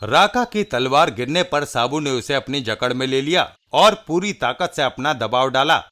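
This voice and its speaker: A man's voice: medium pitch, expressive, normal speed, pushed and bright. A man narrating a comic-book story in a dramatic, scripted style.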